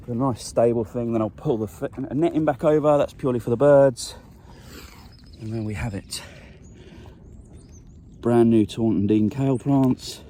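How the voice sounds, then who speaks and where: Here the same kind of relaxed farm vlog plays out: a man who grows vegetables explains what he's doing as he works outside. He speaks in a mid-range voice over slight background noise.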